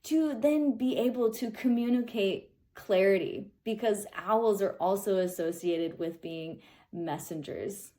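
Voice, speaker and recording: Speaking unhurriedly at medium pitch with a warm tone, this Kansas City woman in her thirties hosts and speaks on spiritual topics. Her informal reflection is emphatic and sincere, and she keeps checking in with whoever is listening.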